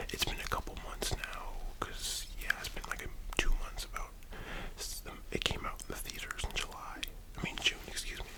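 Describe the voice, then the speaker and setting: A host talking in a soft, unvoiced library whisper, in a casual, rambling ASMR style that sounds like thinking aloud. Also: rough recording. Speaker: host of an anime and manga discussion.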